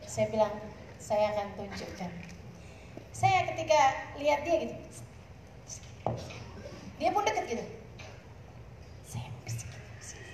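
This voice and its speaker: A woman preacher giving a lively religious talk to women, speaking with some mixed in, her voice swinging between soft and raised. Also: sits high, recorded from a distance. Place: community hall. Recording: echoey hall, faint noise.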